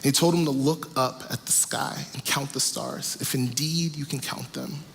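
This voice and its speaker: A man's voice: medium pitch, fairly even intonation, moderate pace, vocal fry, a bit bright, long reverb tail, a little hiss or hum. A male pastor preaching a sermon, telling a story earnestly and stressing points through repetition. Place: church auditorium.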